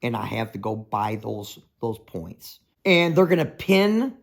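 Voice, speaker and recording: A man's voice: on the low side, big pitch swings, measured pace, gravelly. A man who works as a foundation contractor, telling a story in a reality-show confessional as an exasperated ranter who acts out other people's voices.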